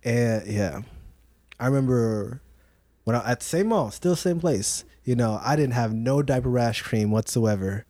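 A man's voice: medium pitch, measured pace, dark tone, dry recording. A man in a casual chat, a father talking with jokes, slang and many fillers. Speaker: podcast co-host, father.

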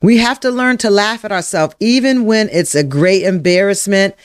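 A workshop leader running a live self-help session, speaking to viewers by name, repeating affirmations slowly and guiding breathing exercises. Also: medium pitch, smooth, no room sound, studio quality. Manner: slow, emphatic, repeats affirmations and guides breathing. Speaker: emotional wellness workshop leader.

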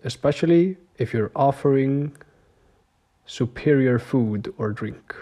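A man's voice: mid-range voice, takes it slowly, dark tone. A young man talking to his viewers in a casual video diary. He rambles, uses many filler words and laughs often between his stories. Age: young adult. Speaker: vlogger.

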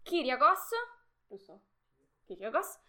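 A woman's voice: sits high, sing-song, slow pace, pushed and bright. A young woman hosting a live stream, chatting casually with viewers, greeting them by name and laughing often.

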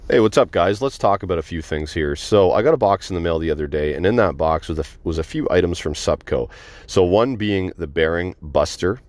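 A man's voice: a bass voice, no room sound. A man hosting a casual trade talk show, asking questions with stammering restarts and jokey asides. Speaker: podcast host. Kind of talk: casual chat.

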